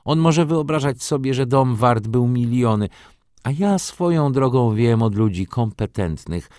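A man's voice: mid-range voice, lively intonation, measured pace, darkish tone, no echo, clean studio sound, voice pushed up, lightly acted. A man voicing a worldly old countess. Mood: lecturing. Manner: lecturing, gossipy, confident. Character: brisk worldly older countess aunt. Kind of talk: audiobook character reading.

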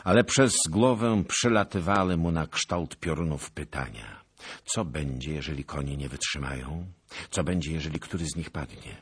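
A man narrating an audiobook with a very deep, husky voice. His pitch moves a lot, and his tone is bright and sharp. The delivery is dramatic and rises with the action. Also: expressive, moderate pace.

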